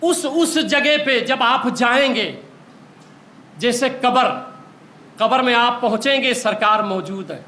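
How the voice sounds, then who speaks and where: A man's voice: extremely high pitch, expressive, pushed and bright. A man preaching a sermon in an impassioned, rising voice, recorded in a large echoey hall.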